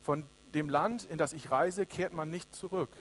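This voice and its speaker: A man voicing an old dying king who is weary and regretful, speaking low and quietly. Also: moderate pace, slight background noise, lightly acted. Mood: sorrowful. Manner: low, quiet, sorrowful delivery.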